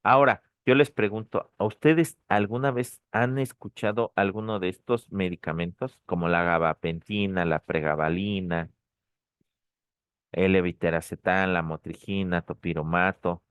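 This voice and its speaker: A lower-pitched man, teaching a pharmacology class online. He repeats the key terms and keeps checking in with a quick "ok?". The recording is close and dry. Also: fairly even intonation, smooth, no echo, lo-fi sound. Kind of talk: online lecture. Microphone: dry close mic, online session.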